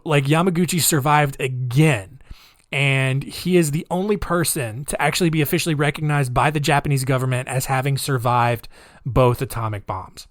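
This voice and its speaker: A man hosts a relaxed storytelling podcast, animated and talkative, speaking straight to listeners he calls "guys" and wandering into frequent asides. His delivery moves between booming emphasis and soft side comments at a medium pitch. The recording is dry and of studio quality.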